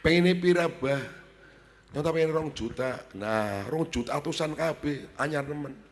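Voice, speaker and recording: A man with a Brebes Javanese accent giving a humorous sermon, telling stories and acting out dialogue with shouts and laughs. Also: a little high, moderate pace. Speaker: preacher. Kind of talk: humorous sermon at a family gathering. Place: large hall at a family gathering. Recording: long hall reverb.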